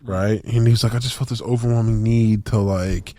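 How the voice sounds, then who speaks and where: A man's voice: on the low side, fairly even intonation, moderate pace, dark tone. A young man on a podcast, telling a story in rambling, slangy casual chat with lots of restarts. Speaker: podcast co-host.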